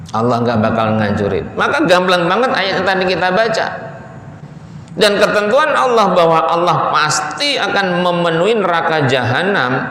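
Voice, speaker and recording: A man giving a casual Quran commentary lesson in a mosque, colloquial and animated, often slowing to list things one by one. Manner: colloquial, animated, acts out Satan's pleading in a high voice, slows to list items. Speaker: ustadz teaching Quran commentary. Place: mosque hall. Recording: echoey mosque hall, distant mic, faint hum.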